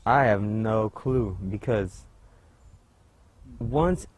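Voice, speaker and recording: A man's voice: fairly low pitch, drawn-out words. A man being interviewed outdoors in a park, casually retelling events with quoted dialogue and some cussing. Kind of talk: casual storytelling.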